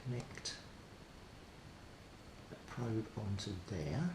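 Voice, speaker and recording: Expressive and drawing out his words, a man presents his work as a hobbyist radio repairer. His walkthrough is unscripted and methodical, voiced as he thinks through each step. Echo fills the space, and a clear rumble sits behind him.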